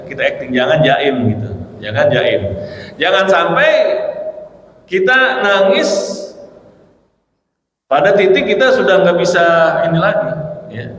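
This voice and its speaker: A male Islamic preacher giving a relaxed, conversational dawn sermon with questions and answers, recorded in a mosque hall. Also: on the high side. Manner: relaxed, conversational, with tag words. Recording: echoey hall with faint noise.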